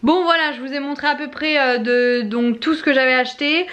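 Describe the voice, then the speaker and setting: A woman's voice: high voice, a little fast, fairly bright tone, muffled recording. A young adult woman chatting casually in a family vlog at home, with lots of fillers and an exasperated tone. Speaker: family vlogger. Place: home, kitchen.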